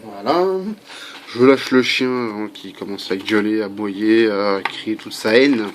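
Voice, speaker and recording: Speaking a bit slowly in a fairly low, fairly even voice, an airgun enthusiast walks through a part replacement in a casual home tutorial. He chats freely, dropping in plenty of fillers and tangents, while construction noise hums faintly nearby.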